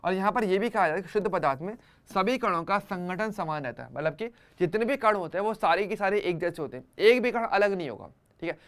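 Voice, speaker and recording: A man's voice: sits high, expressive, brisk, few pauses, a bit bright. A man teaching an online chemistry class for exam students, conversational, using everyday examples and often checking that students follow.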